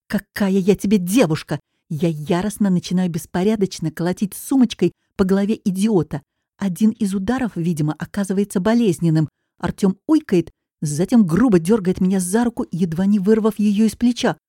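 A woman narrating a first-person audiobook with dramatic, expressive storytelling. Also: mid-range voice, brisk, dry recording, clean studio sound.

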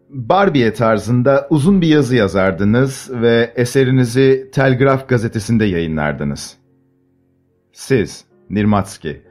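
A man narrates a classic novel in a steady, lowish voice, giving each character only a slight change in tone. Faint instrumental music plays softly underneath his reading. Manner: measured reading with small voice shifts for characters. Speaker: audiobook narrator. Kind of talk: scripted literary narration.

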